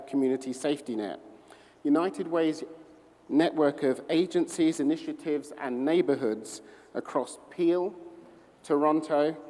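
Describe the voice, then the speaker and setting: Halting male moderator with a mellow voice. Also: mid-range voice. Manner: halting, self-deprecating. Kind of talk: introducing a speaker. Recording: reverberant hall.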